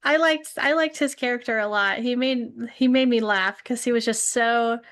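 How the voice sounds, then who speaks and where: A woman's voice: fairly high pitch, moderate pace, a bit bright. Chatty woman reviewing a movie. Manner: chatty, laughs often, asks questions. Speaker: host. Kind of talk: casual movie review chat.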